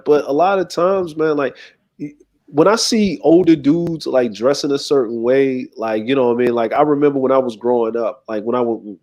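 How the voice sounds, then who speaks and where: A man's voice: mid-range voice, darkish tone. A man hosting a livestream, chatting casually in a rambling, easygoing way with many fillers. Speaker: livestream host.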